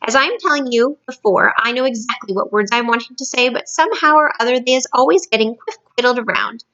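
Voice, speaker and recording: Woman doing a gentle muddle-talking giant. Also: on the high side, fast, dull audio, pitched above the performer's own voice. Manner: gentle, jumbled made-up words. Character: big friendly male giant, muddled speech.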